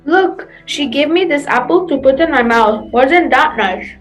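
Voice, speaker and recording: A woman's voice: high voice, lively intonation, unhurried, soft background music. A woman playing a worried, naive young girl in a comic fairy-tale stage play.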